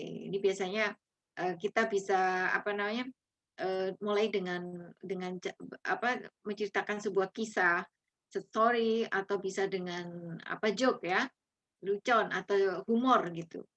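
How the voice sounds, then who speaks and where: A woman lecturing over a video call, talking in a loose, chatty way. She fills pauses with hesitations and restarts, and keeps slipping English phrases into her lesson. Her voice sits at a middle pitch for a woman. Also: a bit bright. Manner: chatty, with many fillers and slips, mixing in English phrases. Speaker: lecturer teaching presentation skills. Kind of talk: online class lecture.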